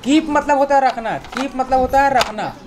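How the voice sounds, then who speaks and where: A man's voice: extremely high pitch, moderate pace, darkish tone, slight background noise. Patient man teaching vocabulary. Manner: patient, repeats words and checks understanding; spells words out letter by letter. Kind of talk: vocabulary lesson for children.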